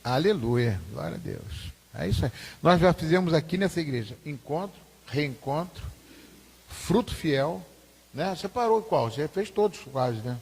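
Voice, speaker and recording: A man's voice: fairly high pitch, expressive, normal speed, darkish tone. A man, a pastor teaching a Sunday school class in an informal, repetitive way, often asking the class questions. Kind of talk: conversational church teaching. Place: church hall. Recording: husky voice in a reverberant church hall.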